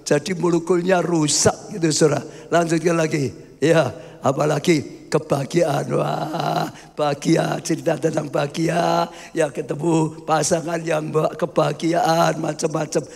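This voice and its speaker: A gravelly, fairly high-voiced man preaches, emphatic and constantly turning to the congregation. His voice rings through a church hall with a long, trailing reverb. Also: level tone, unhurried, a little mellow. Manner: emphatic, often addressing the congregation as 'brothers'. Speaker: pastor. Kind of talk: sermon.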